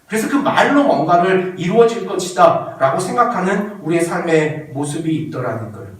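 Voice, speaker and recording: Male pastor, high and lively delivery, sermon, distant mic, very reverberant church hall. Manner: animated, playful storytelling with quoted voices. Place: church sanctuary.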